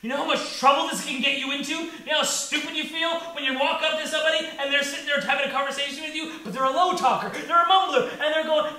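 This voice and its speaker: A young man in a comedic rant, loud, exasperated and mocking himself. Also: very high-pitched, fast, hardly any pauses. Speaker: comedic ranter. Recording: very echoey room.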